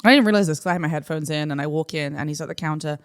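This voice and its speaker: A woman from New City, co-hosting a casual podcast chat and telling a story with lively acted-out voices. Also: low-pitched, very fast, smooth. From New York City. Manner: animated storytelling, acting out quoted voices. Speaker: podcast co-host.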